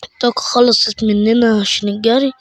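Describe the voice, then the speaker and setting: A man with an Egyptian Arabic accent giving chatty let's play commentary, excitable and quick to burst into panicked repeated shouts. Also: very high-pitched, dry recording. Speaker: gaming channel host.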